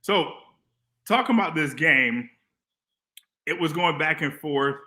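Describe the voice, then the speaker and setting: A man with a bright, sharp-edged voice recaps a football game on a casual sports show. He speaks in a measured way, stumbling over a few words as he lays out what happened. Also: on the high side, lively intonation. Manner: measured, recounts events with small restarts. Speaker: sports podcast co-host.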